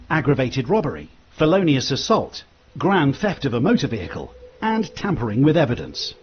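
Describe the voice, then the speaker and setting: Guy doing true crime narration, pretty high and bouncy pitch, bit muffled w faint hiss. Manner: steady, factual. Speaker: documentary narrator.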